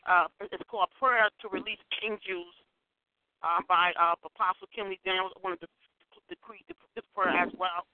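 A man's voice: sits high, steady tone, moderate pace, dry recording. A man leading an emphatic decreeing prayer on a conference call, heard over a crackly phone line that fades in and out. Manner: emphatic, repeats declare and decree. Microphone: phone held away from the mouth. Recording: tinny dry phone line.

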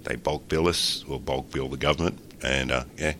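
A man's voice: a bass voice, steady tone, moderate pace, fairly bright tone. An Australian man hosting a casual podcast, sounding congested and slightly crackly from a cold and sore throat. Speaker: podcast host.

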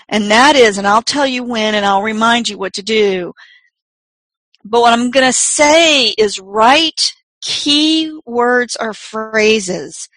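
A woman leading a spiritual workshop, giving exercise instructions and meditation guidance in an unhurried, instructive way with deliberate pauses. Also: fairly high pitch, fairly bright tone, dry recording, low-quality recording.

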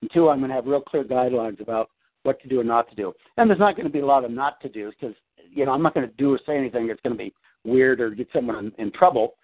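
Talking fast at a medium pitch, this coaching client rambles about his work on a casual phone call from home. He restarts often and fills gaps, and the line is tinny.

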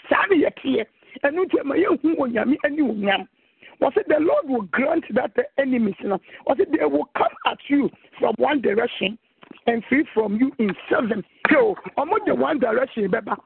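High, gravelly Ghanaian preacher on a phone line. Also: male voice, dry recording. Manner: exhorting, mixes scripture quotes with local-language preaching. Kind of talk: sermon mixing Twi and English.

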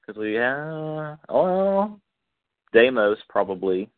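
A man co-hosting a casual podcast chat about soap operas, opinionated and quick to laugh. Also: mid-range voice, sing-song, no echo. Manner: chatty, opinionated, laughs often. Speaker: podcast co-host. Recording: tinny phone-like line, dry.

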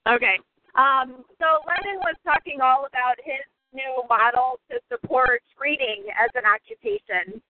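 High-voiced woman on a car speakerphone. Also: expressive, normal speed. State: connection breaking up. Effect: calling in on a phone while driving a car. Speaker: occupational therapist. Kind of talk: casual discussion call. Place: in a moving car. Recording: tinny phone line with faint car noise.

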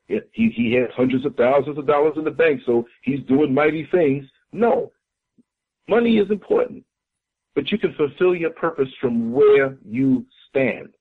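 A man from the US, guesting on a talk show, has a mid-range voice with a slight roughness. He holds forth with preacherly passion, repeating phrases for emphasis, and the sound is tinny like a phone call.

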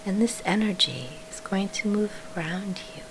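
A woman leading a guided sleep meditation in a soft, soothing whisper, pausing between short phrases. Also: mid-range voice, background noise.

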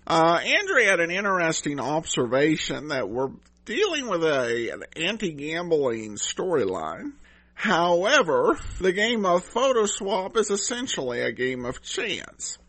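Lively, higher-pitched man hosting a podcast. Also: unhurried, dry recording. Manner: analytical, conversational. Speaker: podcast host. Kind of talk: commentary on an old radio episode.

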